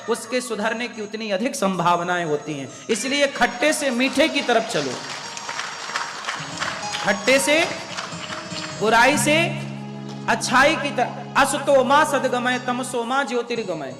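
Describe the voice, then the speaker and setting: A preacher delivering a devotional sermon in a very high, bright voice. He speaks slowly and with emphasis, often putting questions to his listeners. His voice rings through a large echoing hall with soft music behind. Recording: echoey hall with long reverb.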